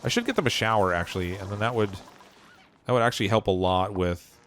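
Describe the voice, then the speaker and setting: A man with a lowish, slightly bright voice talks fast while streaming a game, faint music playing behind him. He rambles as he thinks aloud and chuckles often in this casual livestream commentary, though his voice is wearing out and he's losing it.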